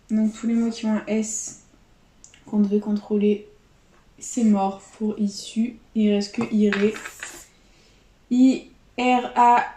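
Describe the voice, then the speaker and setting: A woman's voice: fairly high pitch, dark tone. A woman vlogger giving casual running commentary to her viewers, chatty and steadily calling out letters and numbers. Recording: roomy echo, faint background noise.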